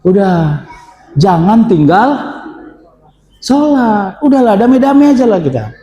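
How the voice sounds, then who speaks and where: High-voiced preacher in an echoey hall. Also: male voice, measured pace, dull audio. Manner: animated, questions the audience, acts out quoted voices, bursts into shouts. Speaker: Islamic preacher. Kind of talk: lively religious lecture with storytelling. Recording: echoey hall with long reverb.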